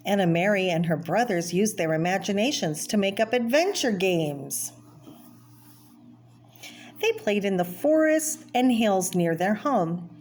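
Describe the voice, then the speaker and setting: Her medium-pitched, darkish voice swings widely in pitch as she reads unhurriedly. The woman is narrating a children's art book plainly for young listeners, with brief personal asides, in a homemade read-aloud video with clear background noise.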